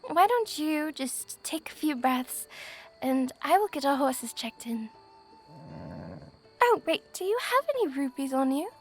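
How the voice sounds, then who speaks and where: A woman playing a gentle, easily flustered young princess in a soft, polite, formal ASMR roleplay style. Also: high voice, sing-song, unhurried, soft background music. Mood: warm, attentive.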